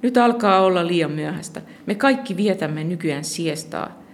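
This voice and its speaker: A reader voicing a matter-of-fact female nurse who gives curt, businesslike instructions in a gravelly voice. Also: medium pitch, expressive, slight background noise, natural voice.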